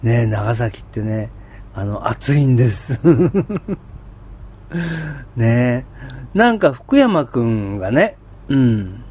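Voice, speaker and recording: A man's voice: mid-range voice, expressive, takes it slowly, long pauses, a little mellow. A man chatting on his own in standard Japanese, enthusiastic, with many fillers and frequent laughs. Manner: enthusiastic storytelling. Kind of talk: casual solo chat.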